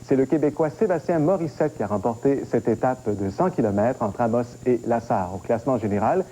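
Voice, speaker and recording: Mellow-voiced Quebec sports anchor. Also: male voice, mid-range voice, animated, a little fast, rough recording. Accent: Quebec French. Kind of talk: sports bulletin presenting, partly improvised.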